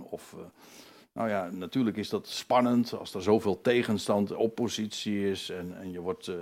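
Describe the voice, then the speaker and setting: A man's voice: fairly low pitch, darkish tone. A man teaching from the Bible in a conversational way, hesitating and restarting, then rising to emphatic declarations. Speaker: preacher.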